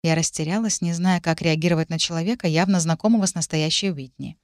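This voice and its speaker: A woman reading a first-person story aloud as narrator, in a steady, measured manner into a close microphone. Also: lowish voice, no room sound. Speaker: audiobook narrator. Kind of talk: scripted narration.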